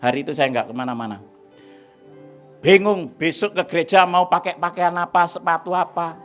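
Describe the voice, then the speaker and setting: A man giving a testimony sermon as a pastor in a church service, dramatic, swinging from hushed to shouting. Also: a little high, moderate pace, soft background music.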